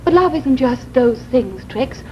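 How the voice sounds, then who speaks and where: An actress playing an earnest young wife who quietly and steadily confronts her rival, heard as a 1950s TV broadcast. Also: high voice, lively intonation, measured pace. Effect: 1950s TV broadcast sound. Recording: muffled old TV audio with hiss.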